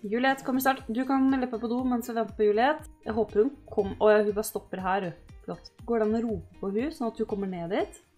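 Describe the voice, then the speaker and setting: A woman giving casual let's-play commentary, excitable and yelping at her game characters. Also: fairly high pitch, soft background music. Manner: excitable, yelps and shouts at the characters. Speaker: gaming host.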